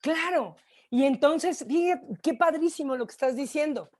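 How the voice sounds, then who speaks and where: A woman's voice: sits high, normal speed, a little mellow. A Mexican woman leading an online group session, encouraging and colloquial, heard over a video call. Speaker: workshop facilitator.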